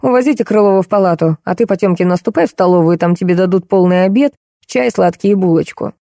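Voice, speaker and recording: A woman voicing a gruff, scornful middle-aged hospital nurse who rants bluntly and with contempt. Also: lowish voice, quick pace, warm tone, dry recording, clean studio sound, close to an everyday voice.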